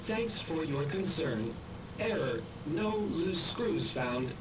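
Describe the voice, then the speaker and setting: A man voicing a calm, polite helper drone in a video game, speaking as a machine computer voice that repeats set phrases. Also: fairly high pitch, slow, recorded from a distance, a loud crowd, low-quality recording.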